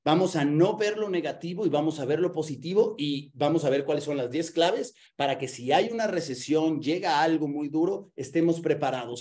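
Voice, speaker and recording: A man hosting a live online business masterclass, energetic, asking the audience questions and acting out stories with sound effects. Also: fairly high pitch.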